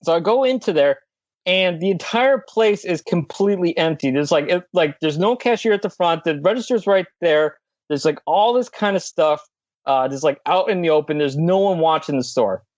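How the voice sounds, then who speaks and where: A man's voice: fairly high pitch, animated, normal speed, no room sound, highs cut off. A man, a co-author guest in a casual remote interview, jokes, laughs often and fills his talk with "like". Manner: joking, laughs often, says "like" a lot.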